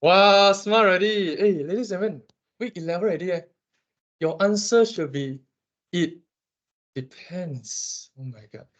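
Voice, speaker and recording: A Malaysian man lecturing his class on economics, animated and teasing as he quizzes students. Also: high voice, normal speed, pauses often, poor audio. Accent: Malaysian English.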